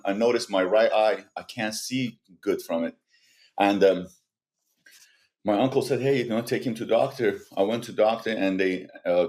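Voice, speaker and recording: Low-voiced Iranian-born man telling his story. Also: darkish tone. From Iran. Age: 40s. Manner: earnest, halting, with frequent restarts. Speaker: guest. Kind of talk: personal story in a podcast interview.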